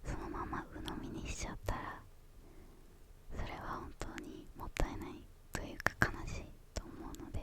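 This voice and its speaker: A young woman speaking in a hushed, breathy whisper, answering questions in ASMR style with hesitant pauses between short phrases.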